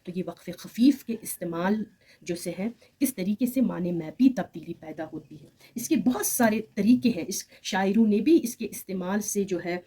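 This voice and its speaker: A woman's voice: mid-range voice, moderate pace, mellow, husky. A woman teaching Urdu grammar with an Urdu accent, explaining patiently and speaking examples aloud. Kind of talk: recorded grammar lesson.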